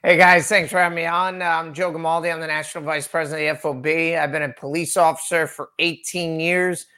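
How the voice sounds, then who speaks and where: Man, 40, cop, podcast guest, high-pitched, friendly, deadpan jokes. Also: fast. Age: 40s. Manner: friendly, dryly joking. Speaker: police lieutenant, guest. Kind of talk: casual podcast interview.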